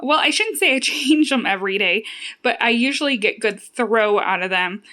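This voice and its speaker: A woman's voice: a little high, animated, moderate pace, pushed and bright. A woman talking casually and conversationally to her viewers as she hosts a product review vlog. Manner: chatty, conversational. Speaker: YouTube host reviewing home fragrance products.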